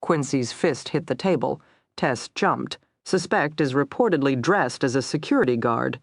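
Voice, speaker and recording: A woman narrating a dark crime thriller audiobook, tense and steady, voicing every character herself. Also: extremely low pitch, moderate pace, no echo, clean studio sound.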